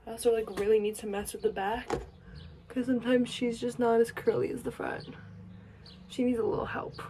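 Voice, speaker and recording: A young woman chatting casually while getting ready, sleepy and rambling, sometimes dropping to a soft murmur. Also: fairly high pitch, fairly even intonation, normal speed, background noise. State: sleepy, yawning. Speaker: beauty vlogger. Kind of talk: casual get-ready-with-me chat.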